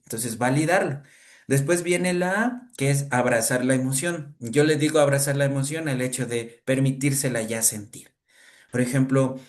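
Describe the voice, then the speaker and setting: A young adult man, a clinical psychologist, calmly explaining a coping technique step by step with examples in an interview. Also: mid-range voice. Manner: calm, measured, teaching step by step with examples.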